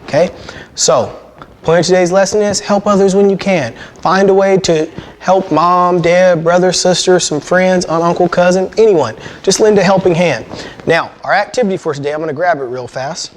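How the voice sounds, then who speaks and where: A man's voice: sits high, moderate pace, a little hiss or hum. An American man in his thirties teaching a children's Bible lesson, explaining things simply and in a friendly way as he talks and reads. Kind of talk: children's lesson with storybook reading. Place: indoors before a painted backdrop.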